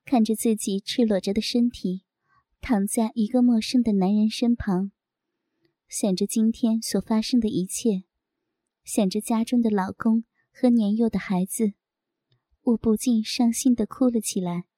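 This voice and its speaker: A woman narrating a first-person audio story in a soft, intimate, unhurried way. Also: a little high, fairly even intonation, no room sound.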